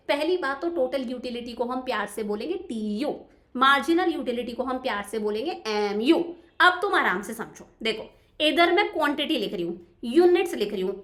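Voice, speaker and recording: A young woman with a high, bright voice teaches a class in a lively, chatty way. She keeps talking straight to her students and checks often that they are following. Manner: chatty, addresses students directly with repeated check-ins. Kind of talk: animated classroom lecture.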